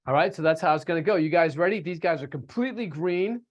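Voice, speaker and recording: A man's voice: on the high side, animated, quick pace, dull audio. A man hosting a podcast interview, loose and chatty with plenty of fillers. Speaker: podcast host.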